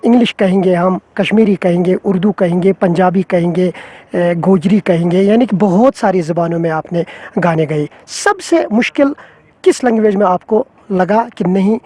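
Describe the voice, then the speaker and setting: A man's voice: sits high, warm tone, no echo. A man interviewing a guest, asking polite, formal questions.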